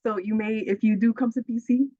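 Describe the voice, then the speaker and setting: An associate director from the Bronx, New York, presents a webinar over a video call, friendly and upbeat with lots of "um"s. Her voice is a little high, steady, mellow and slightly fast, with no echo. The laptop mic gives the call a dull, dry sound.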